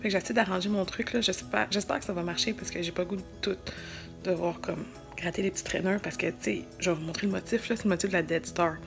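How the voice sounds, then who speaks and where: A vlogger in her thirties with a Quebec French accent talks informally to her viewers, poking fun at herself. Her voice is on the low side, creaky and fast, with fairly even intonation and music playing behind her.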